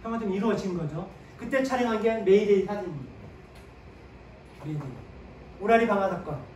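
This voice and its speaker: Male history lecturer, high voice, question-and-answer teaching manner, distant mic in a reverberant classroom. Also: animated, fairly quick, a little mellow. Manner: asks the class questions and answers them himself; sprinkles short "네" affirmations while explaining. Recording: echoey room, mic at a distance, faint ambient noise.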